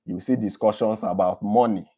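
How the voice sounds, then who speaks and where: A man's voice: fairly low pitch, steady tone, fairly quick, warm tone. Nigerian man hosting a live stream. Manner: reads viewer questions aloud and answers them conversationally.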